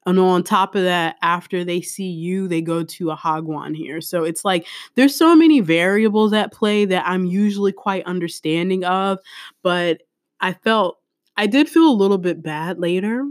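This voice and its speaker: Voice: medium pitch, normal speed, no room sound. Chatty teacher telling a dry, close story. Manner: animated, chatty, quotes herself in class. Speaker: podcast host and public school English teacher in Korea. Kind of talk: casual storytelling podcast. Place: room with a window open.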